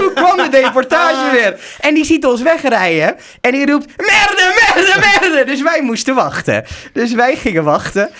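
A young man from the Netherlands telling a road-trip mishap in casual chat, animated, breaking into loud mock shouts. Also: on the high side. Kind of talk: casual storytelling.

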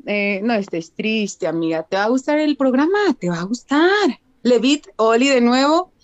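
A woman's voice: on the high side, big pitch swings, moderate pace, dry recording, dull audio. Giggly Mexican woman reading chat greetings. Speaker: live stream co-host. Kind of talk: casual live-stream chat.

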